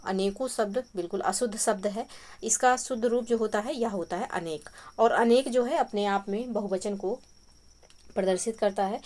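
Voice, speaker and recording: A woman teaching a spoken quiz lesson for an exam, explaining each answer in a steady, repetitive way, recorded at home at night. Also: mid-range voice. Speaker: Hindi exam-prep teacher. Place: home at night, street noise outside.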